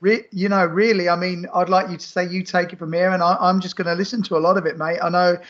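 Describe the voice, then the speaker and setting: A young man hosting a casual podcast, talking in a halting way with many fillers. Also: high-pitched, little pitch movement, fairly bright tone, dull audio. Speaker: podcast host.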